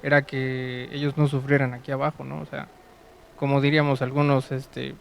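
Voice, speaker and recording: A soft-spoken man joins a casual conversation about faith, with a flat, even voice at a middle pitch. He pauses often and hedges his points with small fillers as he thinks aloud. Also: vocal fry, slight background noise, poor audio. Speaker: co-host in a faith discussion.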